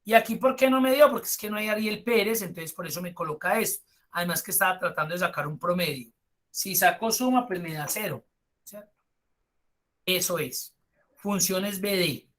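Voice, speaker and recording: A man's voice: high-pitched, normal speed, a bit bright. A man with a Colombian accent teaching a spreadsheet class, explaining step by step with chatty asides. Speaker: spreadsheet course instructor. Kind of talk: live online class.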